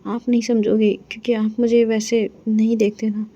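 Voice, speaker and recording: A woman voicing a shy, flustered young woman in love who speaks softly, hesitating and stammering. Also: fairly high pitch, level tone, moderate pace, natural voice. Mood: earnest. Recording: dull lo-fi recording.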